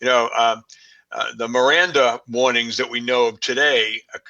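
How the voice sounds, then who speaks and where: A man with a Boston accent answers questions in a relaxed panel chat. His voice is bright and forward. He pauses often, filling gaps with fillers and restarting his sentences. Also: medium pitch, dull audio. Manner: halting, many fillers and restarts. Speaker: guest expert. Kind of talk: casual discussion.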